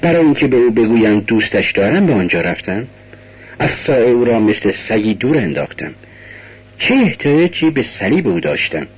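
A man voicing a feverish, guilt-ridden young man in a radio play, with a husky voice. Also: mid-range voice, sing-song, lo-fi sound. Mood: brooding. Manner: agitated, bitter outbursts.

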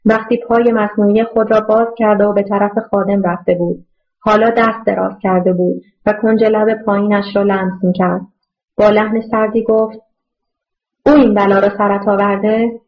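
A woman narrating a novel aloud in a steady, measured reading voice. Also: mid-range voice. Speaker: audiobook narrator. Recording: muffled lo-fi audio.

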